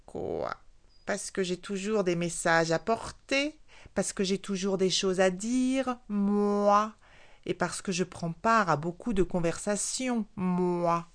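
A nosy, vain little female frog from a storybook tale, put on by the storyteller. She chatters on, keeps blurting out "quoi?" and crows about her own beauty, her voice leaping up and down loudly. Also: mid-range voice, takes it slowly. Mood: boastful. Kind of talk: storybook narration.

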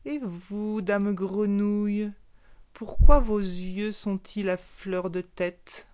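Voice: medium pitch, steady tone, slow pace, a bit bright. A storyteller voicing a sly, short-tempered male snake who answers curtly and hisses in a storybook tale. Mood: irritated. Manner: hissing, curt, irritable. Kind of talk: storybook narration.

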